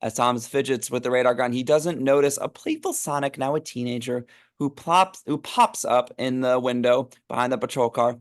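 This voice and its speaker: A man's voice: mid-range voice, steady tone, normal speed. A man narrating a script read, reading stage directions aloud in an informal, amused way.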